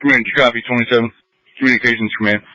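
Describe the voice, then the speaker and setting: A man's voice: mid-range voice, fairly even intonation, rapid-fire, sharp tone, lo-fi sound. A man relaying fire communications as a dispatcher over a two-way radio.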